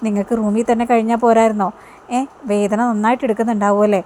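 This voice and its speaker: A woman's voice: fairly high pitch, little pitch movement, fast talker, warm tone, a little hiss or hum, lightly acted. Brief: woman reading a level-headed caring young niece from a soap retelling. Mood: concerned. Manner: caring, reasoning. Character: calm sensible young woman.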